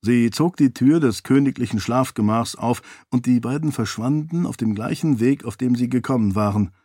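A man reading an audiobook as narrator, with steady, measured narration. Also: medium pitch, breathy edge, no echo, clean studio sound. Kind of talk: scripted narration.

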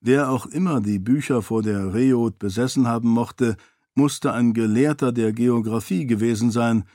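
A man reading a fantasy audiobook in a measured, clear storytelling manner. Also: medium pitch, warm tone, no room sound, studio quality. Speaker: audiobook narrator. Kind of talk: scripted fantasy narration.

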